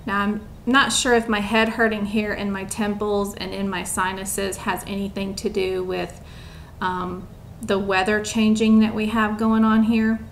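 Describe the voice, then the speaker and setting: A woman's voice: mid-range voice, flat delivery, measured pace, gravelly, hardly any pauses, a little hiss or hum. A young woman chatting casually to camera at home, rambling with lots of ums and a bit out of breath. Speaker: vlogger.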